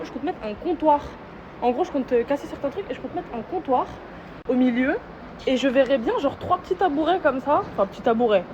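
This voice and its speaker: A woman's voice: high-pitched, background noise. Chatty young French woman vlogging. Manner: chatty, slangy and playful, asks viewers' opinions. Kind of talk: casual vlog chat to viewers. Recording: dull lo-fi phone audio with music behind.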